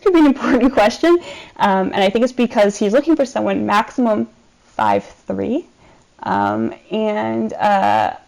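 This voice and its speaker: Woman presenter with gravelly creak. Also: a little high, a little mellow, rough recording. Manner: measured, explanatory, with frequent ums. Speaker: archivist presenting a collection. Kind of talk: recorded presentation over slides.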